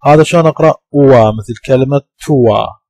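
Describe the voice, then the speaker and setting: A man's voice: medium pitch, a little fast, a little mellow, no room sound. Iraqi man teaching English sounds, dry close mic. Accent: Iraqi Arabic. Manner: patient, explaining and repeating sounds. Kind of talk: classroom lecture.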